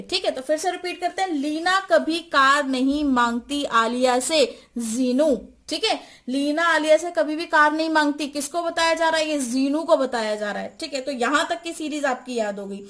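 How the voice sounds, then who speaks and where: A woman teaching a chemistry lecture, repeating mnemonics and quizzing the listener. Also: sits high. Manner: repeats and quizzes the listener, slow deliberate spelling-out.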